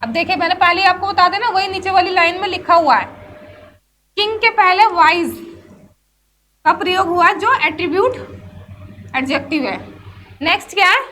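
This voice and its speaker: A woman's voice: very high-pitched, normal speed, long pauses, sharp tone. A woman teaching English grammar in a chatty class lesson, often asking herself questions and answering them. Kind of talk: explanatory class lesson mixing Hindi and English.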